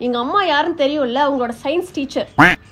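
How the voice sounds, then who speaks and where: A woman's voice: high voice, quick pace. A young woman acting out different types of schoolgirls in a comedy sketch, pleading, bossy and sarcastic by turns.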